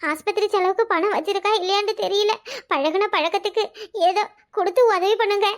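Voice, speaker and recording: A woman's voice: very high-pitched, brisk. A woman voicing an anxious cartoon wife who pleads with her husband for help. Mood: worried. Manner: fretful, pleading. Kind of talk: cartoon voice acting.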